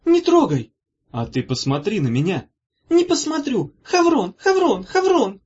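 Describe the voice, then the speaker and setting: Man doing a shrill, fiery young woman. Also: huge pitch swings, brisk, darkish tone, husky, heavily acted. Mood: sulky, tearful. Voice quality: shrill, shrieking. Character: young woman, excitable, quick-tempered sister. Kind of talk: audiobook character voice. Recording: dull lo-fi recording.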